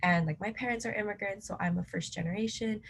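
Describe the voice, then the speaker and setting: A woman's voice: medium pitch, quick pace, vocal fry, a little hiss or hum. A young woman, a first-year college student, answering interview questions casually with many "like" and "um" fillers. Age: young adult. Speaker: student activist guest.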